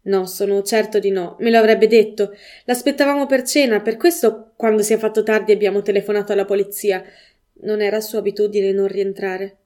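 A woman's voice: mid-range voice, fairly even intonation, fairly quick, warm tone, lightly acted. A woman reading the lines of a shaken father, a retired army major, in short stunned replies. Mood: subdued.

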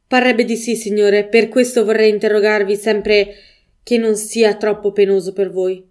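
A woman reading the lines of a male police superintendent in a measured, formal tone. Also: mid-range voice, little pitch movement, darkish tone, natural voice.

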